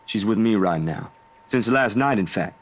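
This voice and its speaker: A man voicing a drowsy young man woken too early, talking in a plain, rough everyday way. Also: on the low side, animated, moderate pace. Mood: earnest. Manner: drowsy, grumbling, then earnest. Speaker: character dialogue in a visual novel voice dub.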